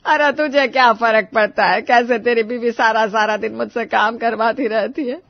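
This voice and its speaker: A woman with a steady, natural voice on the high side, speaking at a moderate pace, does cartoon voice acting as a whiny, dramatic elderly mother-in-law who wails and complains. It's a dull, dry studio voice-over with no echo.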